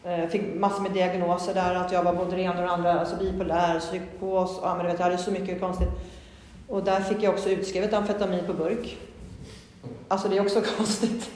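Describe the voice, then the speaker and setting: A woman's voice: level tone, darkish tone, a little hiss or hum. A woman giving a candid, earnest personal testimony, rambling with many fillers and restarts. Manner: candid and earnest, with sudden rises in pitch. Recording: very echoey hall with long reverb.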